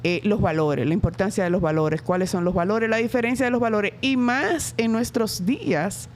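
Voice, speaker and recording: A woman's voice: medium pitch, moderate pace, slight background noise. Reflective Dominican woman school director. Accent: Dominican Spanish. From Dominican Republic. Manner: reflective, many hesitations. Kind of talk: interview answers.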